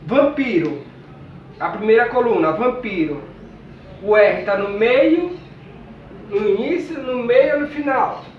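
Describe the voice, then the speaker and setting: A man teaching a lesson, reading words out slowly and repeating each one. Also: very high-pitched, lively intonation, a little hiss or hum. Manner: slow, deliberate, repeats each word. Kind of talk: classroom lesson, reading a word list. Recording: distant, muffled, echoey room.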